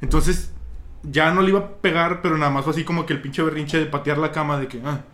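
A young man with a Mexican accent, telling friends a story in a casual, slang-heavy, animated way. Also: fairly high pitch, quick pace. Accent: Mexican Spanish. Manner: vulgar slang-heavy, animated retelling with laughs.

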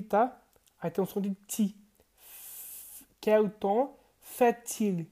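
A woman hosts a podcast lesson as a French teacher, speaking slowly and repeating each phrase with care. Her voice is mellow and relaxed, sitting in a mid register. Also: mid-range voice.

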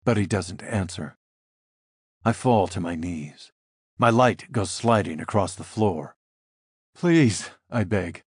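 Male audiobook narrator for a dark thriller: low, husky, measured, dry close mic. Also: no room sound. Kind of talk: first-person thriller narration.

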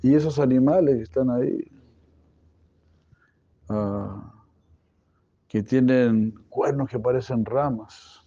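A man's voice: mid-range voice, takes it slowly, long pauses, mellow, dry recording, lo-fi sound. A man voicing a curious young boy asking eager questions about animals.

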